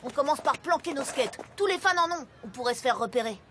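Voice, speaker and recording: A woman voicing a confident, smooth-talking schoolboy schemer in a French cartoon, sly and persuasive. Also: high voice, lively intonation, noisy background. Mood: eager, scheming. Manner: sly, persuasive, quick to plot. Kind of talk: French animated series dialogue.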